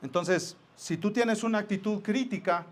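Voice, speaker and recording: A man's voice: high-pitched, normal speed. A man preaching a sermon as pastor, telling stories and acting out little scenes as he goes. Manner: lively storytelling with acted-out asides.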